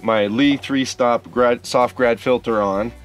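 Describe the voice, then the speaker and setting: A man in his thirties chatting casually outdoors by a lake, relaxed and rambling with plenty of fillers, recorded on a camera mic. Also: mid-range voice, takes it slowly, soft background music. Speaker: outdoor photography vlogger. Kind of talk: casual on-location vlog talk.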